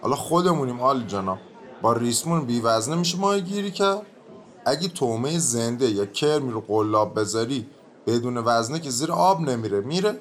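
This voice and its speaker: A man's voice: mid-range voice, lively intonation, lightly acted. An actor playing a stubborn, evasive peasant man on trial, talking in a rustic, grumbling way in a radio drama. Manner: rustic colloquial speech, grumbling and mumbling.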